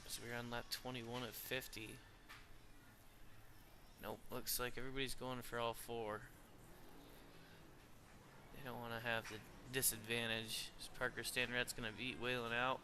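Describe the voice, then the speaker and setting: A weary man calls the laps of a sim race in a flat, even voice that picks up when the cars bunch up. Engine noise and a steady hum sit clearly behind him. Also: medium pitch, measured pace, pauses often. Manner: steady play-by-play, rising when racing gets close. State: tired, yawning. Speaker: race commentator. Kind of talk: sim racing play-by-play commentary.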